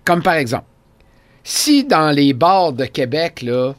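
Teasing Québécois woman host, lively pitch. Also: slow pace, dry recording. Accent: Québécois French. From Quebec. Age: 50s. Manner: playful, teasing, laughs often. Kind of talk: casual chat.

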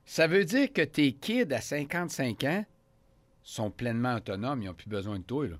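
A man's voice: mid-range voice, moderate pace, no room sound. A man in his fifties with a Québécois French accent, a show host talking casually and with emphasis in a radio studio. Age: 50s. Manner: animated, emphatic, jokey. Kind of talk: casual talk show chat.

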